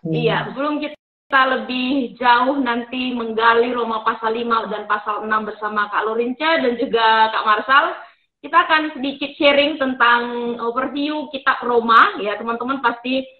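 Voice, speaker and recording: A woman hosting an online Bible study, addressing viewers politely with some hesitant pauses. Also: fairly high pitch, fairly even intonation, phone-quality sound. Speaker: host. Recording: roomy, echoing sound.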